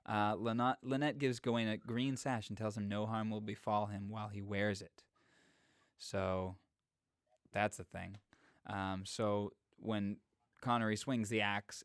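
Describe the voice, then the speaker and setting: A man's voice: fairly low pitch, no echo, clean studio sound. A man co-hosting a podcast, casually retelling a film's plot, chatty and laughing, with lots of filler words. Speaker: podcast co-host.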